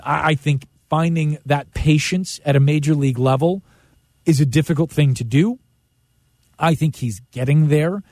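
A man's voice: a little high, warm tone, no room sound. An American man hosting sports radio, talking through baseball in a conversational, emphatic way with repeated phrases.

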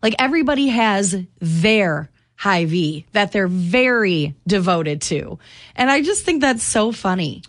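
Teasing, animated female radio co-host. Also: medium pitch, a little slow, dry recording, clean studio sound. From Michigan. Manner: teasing, amused. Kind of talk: morning radio banter. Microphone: studio microphone.

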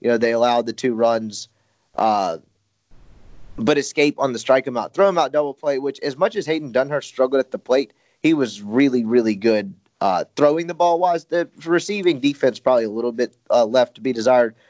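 A man's voice: medium pitch, brisk, a little mellow, dry recording. A man chatting casually as a podcast co-host, rambling with many fillers and self-corrections. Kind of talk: casual baseball chat.

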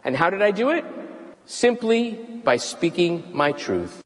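A man's voice: high voice, sing-song, a little slow. A man voicing a signed commencement speech aloud as a live interpreter, speaking emphatically in the first person at a large arena ceremony. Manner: first-person delivery of another's words, emphatic. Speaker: sign language interpreter. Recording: long reverb of a big arena.

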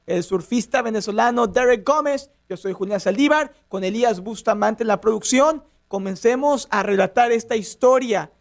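A man hosting a radio interview show from a studio, with an upbeat, announcer-like delivery. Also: high-pitched.

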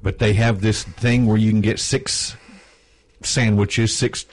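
A man hosting a radio show, chatting casually and telling animated stories with laughs. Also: lowish voice, slow pace. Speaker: radio host. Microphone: studio microphone.

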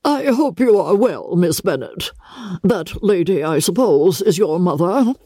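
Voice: medium pitch, animated, unhurried, mellow, husky, no echo, studio quality, voice pushed up. A reader voicing a haughty, imperious elderly aristocratic lady, speaking stiffly and commandingly in an audiobook. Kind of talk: audiobook character reading.

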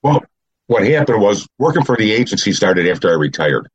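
Guest voice: older Chicago man, matter-of-fact, deep and dry-sounding. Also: very animated, brisk, breathy edge, no echo, highs cut off. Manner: plain, matter-of-fact storytelling. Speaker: guest, retired cop and photographer. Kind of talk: casual chat.

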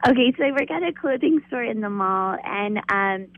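A woman's voice: on the high side, lively intonation, moderate pace, phone-quality sound. A woman in her thirties calling in to a radio show, telling a story with a giggly, bubbly manner. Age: 30s. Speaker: caller. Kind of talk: phone-in story.

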